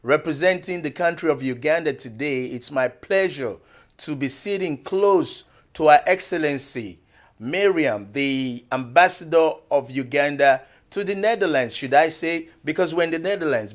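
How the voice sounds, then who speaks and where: A man's voice: fairly high pitch, animated, moderate pace. A man who is a pastor, hosting a TV interview show in a formal, welcoming manner. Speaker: talk show host and pastor.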